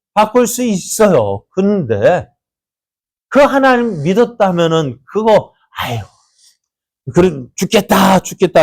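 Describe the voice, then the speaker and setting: A man's voice: on the high side, no echo. A man pastor preaching a sermon in a church, asking the congregation questions and acting out voices from the story. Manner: animated preaching with rhetorical questions and acted-out quotes.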